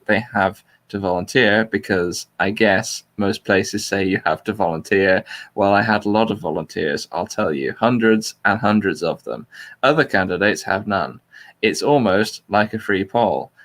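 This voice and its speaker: A man with a fairly low, slightly bright voice hosts a talk show, chatting casually. He reads out a transcript dryly and informally, keeping it deliberately flat.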